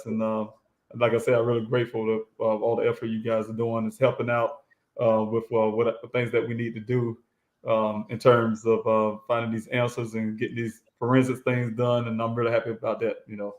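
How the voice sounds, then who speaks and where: A man speaking as a guest over a remote call that sounds like an echoing tunnel, talking in a halting way with many fillers. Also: medium pitch, flat delivery, a little mellow. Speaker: guest, father seeking missing son. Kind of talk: casual call-in chat. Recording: echoey remote call audio.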